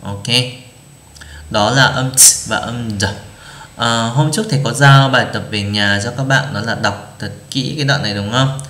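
A man teaching English pronunciation, reading drill words slowly and deliberately and explaining each sound. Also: mid-range voice, pushed and bright, reverberant. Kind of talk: pronunciation lesson, slow model reading.

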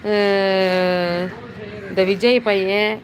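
A middle-aged woman chats slowly and playfully on a live stream, teasing her viewers and throwing in exclamations as she reads their comments. She speaks into a phone in a hill town, with faint traffic and crows behind her. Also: mid-range voice, flat delivery, poor audio. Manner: chatty, teasing, full of exclamations. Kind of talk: casual live-stream chat.

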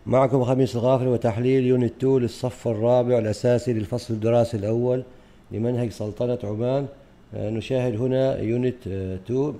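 Man, teacher, very dark and mellow tone, slow hesitant lesson delivery. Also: medium pitch, steady tone. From Oman. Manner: patient, hesitant, many drawn-out fillers. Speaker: English teacher. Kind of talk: explaining a textbook unit.

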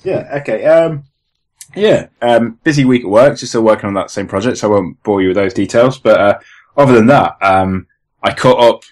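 A man's voice: on the low side, normal speed. A man co-hosting a podcast, chatting in an easygoing, enthusiastic way and laughing often. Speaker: podcast co-host. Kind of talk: casual chat.

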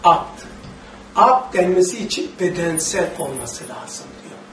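A man's voice: animated, normal speed. A man with a Turkish accent teaching a religious study sermon, impassioned, quoting Arabic verses and putting questions to his listeners. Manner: impassioned, rising to high emphatic bursts; quotes Arabic verses, asks the audience questions. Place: mosque or study hall. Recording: echoey hall, faint noise, distant mic.

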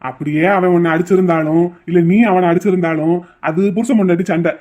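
A man playing a calm father and older brother who reasons patiently in a homemade drama. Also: high-pitched, natural voice. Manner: patient, measured persuasion.

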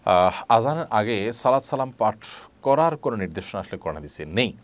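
A man with a Bangladeshi Bengali accent, an Islamic scholar reading out viewers' questions during a live session and answering them in a measured way with frequent "ah" fillers. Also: fairly low pitch, big pitch swings.

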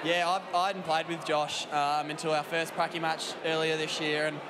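Young Australian footballer, modest, stadium noise. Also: male voice, on the high side, little pitch movement, moderate pace, a crowd in the background. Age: young adult. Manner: easygoing, modest, many fillers. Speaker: footballer interviewed after a match. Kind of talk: post-match interview. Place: outdoors at a stadium beside the field. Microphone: handheld mic with headset.

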